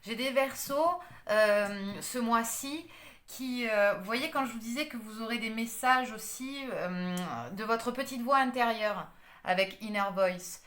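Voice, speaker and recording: A woman's voice: on the high side, unhurried, fairly bright tone, reverberant. A woman giving a casual tarot and astrology reading, talking with many hesitations, fillers and restarts. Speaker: tarot card reader.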